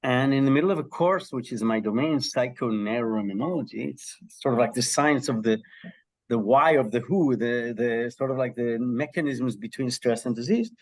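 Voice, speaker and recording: A middle-aged man, a health psychology professor, explaining his research as an interview guest, telling it lively with frequent ums and throat-clearing. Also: medium pitch, moderate pace.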